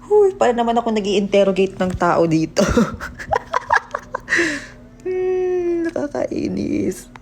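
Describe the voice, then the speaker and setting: A young man from the Philippines chats casually on a phone livestream, mixing Tagalog and English, teasing his viewers playfully and often laughing at himself. His voice is extremely high-pitched, very animated, and warm at a measured pace. The recording is rough with slight background noise.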